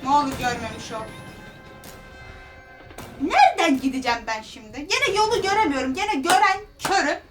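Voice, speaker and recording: A woman's voice: high voice, big pitch swings, moderate pace, long pauses. A woman playing a horror game who talks to herself, gasps and pleads nervously as she goes. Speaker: gaming streamer. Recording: voice heard from a distance over loud game music.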